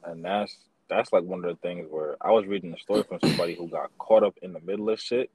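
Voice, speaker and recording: Low husky-voiced man in casual chat. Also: a little mellow, dry recording. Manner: slow, drawn-out slang-heavy storytelling.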